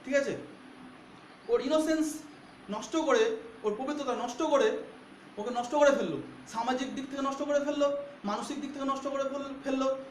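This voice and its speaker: A man's voice: very high-pitched, moderate pace, long pauses, echoey room, a little hiss or hum. A man teaching a poetry lesson to students, repeating himself and often checking that they follow. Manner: repetitive, checks understanding with questions.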